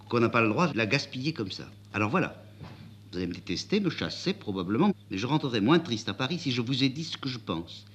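A man voicing a young milliner woman, spirited and proud, with his voice raised high. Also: slight background noise, natural voice. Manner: pitched up high, lively and indignant.

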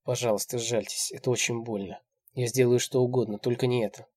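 A man's voice: medium pitch, steady tone, a little fast, a little mellow, husky, lightly acted. A man reading an audiobook, voicing a frightened young woman who pleads timidly. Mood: pleading.

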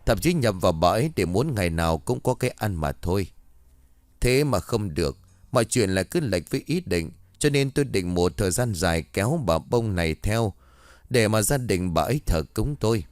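A man's voice: fairly low pitch, animated, normal speed, a little mellow, no room sound, studio quality, lightly acted. A man voicing a pitiful male ghost who whines and pleads, from a spoken storybook. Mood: sullen. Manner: whining, pleading.

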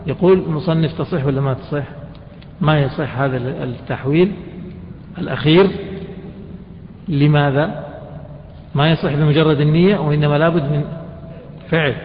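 A man's voice: on the high side, moderate pace, pauses often, slight background noise. Man lecturing in an echoey hall. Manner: quizzes students with frequent questions, colloquial asides. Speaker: Islamic jurisprudence teacher. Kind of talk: classroom lecture explaining a text. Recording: dull reverberant lecture hall recording.

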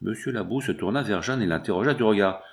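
Male audiobook narrator, lowish voice, measured storytelling. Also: creaky. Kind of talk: scripted narration.

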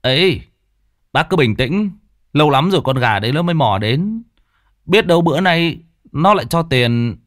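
A man performs a coaxing young gambler, pitching his voice fairly high, above his own natural voice, in a lightly acted, expressive way at normal speed. The studio-quality recording has no echo.

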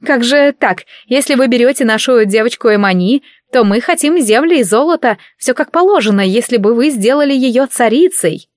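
A scheming older queen mother, voiced by a woman, pitched high and indignant. She demands her due in a storybook fantasy register. The recording is dry. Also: lively intonation, moderate pace, few pauses, no echo, natural voice.

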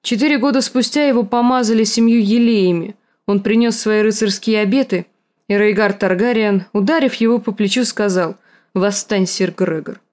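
A woman reading an audiobook, voicing a scarred, bitter, hulking male warrior with a rasping, gruff, slow and menacing delivery. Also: mid-range voice, darkish tone, natural voice. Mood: grim.

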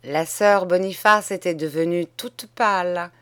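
Expressive woman reading a novel. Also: on the low side, unhurried, clear, resonant tone. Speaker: audiobook reader. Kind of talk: first-person novel narration.

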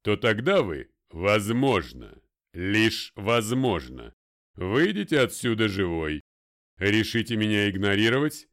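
A man voicing a domineering older male lawyer in an audiobook, loud, commanding and deliberate. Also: lowish voice, smooth. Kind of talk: audiobook character voice.

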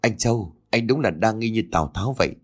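A man's voice: fairly low pitch, expressive, quick pace. A man playing a younger cousin who teases an older one. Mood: teasing. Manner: teasing. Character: teasing younger male cousin, cheerful.

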